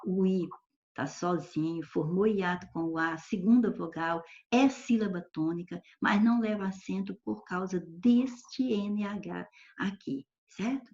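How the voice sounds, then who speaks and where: A woman's voice: mid-range voice, measured pace, darkish tone, lo-fi sound. Patient woman teaching grammar. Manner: patient, explanatory, often checks with "ok?". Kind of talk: recorded online lesson.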